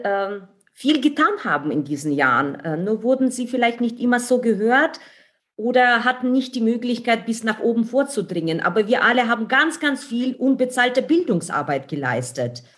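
A middle-aged woman from Ukraine, a guest in an interview, speaking in a thoughtful, measured and earnest way. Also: fairly high pitch, expressive. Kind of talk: conversational interview.

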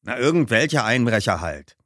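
A man's voice: mid-range voice, sing-song, normal speed, fairly bright tone, no echo, clean studio sound. A man voicing a boastful, offhand rich teenage skater boy. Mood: casual. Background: background music.

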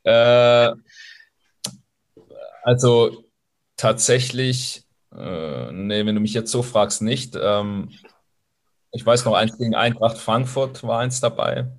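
A man's voice: mid-range voice, takes it slowly, pauses often. A man in his forties from Swabia with Italian roots, a former professional footballer giving reflective interview answers, thoughtful and hesitant with frequent fillers. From Swabia, Germany, Italian roots.

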